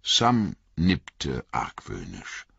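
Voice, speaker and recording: A man narrating a fantasy audiobook in an expressive storytelling manner. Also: rumbling low, very slow, vocal fry, husky, no room sound, dull audio. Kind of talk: scripted narration.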